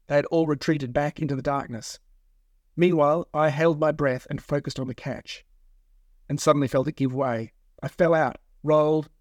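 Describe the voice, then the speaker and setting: A man, the author, narrating his own novel in the first person with steady, measured storytelling. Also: medium pitch, no room sound, clean studio sound.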